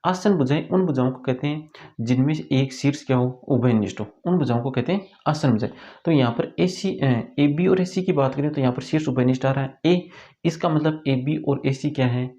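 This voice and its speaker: A man's voice: mid-range voice, brisk, mellow. A man teaching a school math lesson in Hindi, asking questions and then answering them himself. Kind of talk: classroom lesson explanation. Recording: dull lo-fi recording.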